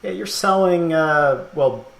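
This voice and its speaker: A man's voice: on the high side, takes it slowly, gravelly. A man hosting a podcast, chatting casually and thoughtfully, rambling with many fillers and laughing often. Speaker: podcast host. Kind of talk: casual chat. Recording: roomy echo.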